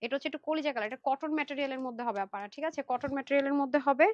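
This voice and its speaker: A woman's voice: sits high, rapid-fire, no echo, dull audio. A woman hosting a live clothing sale, chatty and pushy with her viewers, worn out from a long session. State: tired, worn out. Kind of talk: fast Facebook live selling pitch.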